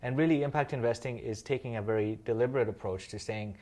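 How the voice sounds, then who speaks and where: A man in his thirties from Kenya, a guest in an interview, explaining his work in a measured way with frequent "um" fillers. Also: mid-range voice, darkish tone. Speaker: interview guest, social finance founder. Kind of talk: conversational interview answers.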